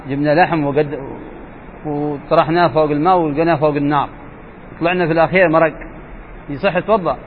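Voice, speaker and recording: Man, classroom lesson, quizzes his students, faint hiss behind. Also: high-pitched. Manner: asks students questions and repeats points. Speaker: sheikh teaching Shafi'i jurisprudence. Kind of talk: classroom lesson explaining a text. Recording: dull lo-fi recording with faint hiss.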